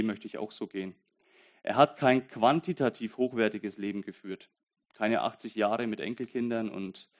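A young man preaching a sermon in an earnest way, dropping to a soft, intimate voice and then rising to loud, emphatic bursts. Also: fairly low pitch, muffled recording. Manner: reads Bible verses aloud.

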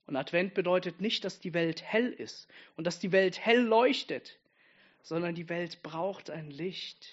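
Unhurried high-voiced male preacher. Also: muffled recording. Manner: earnest, soft and intimate, rising to emphatic. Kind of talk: sermon.

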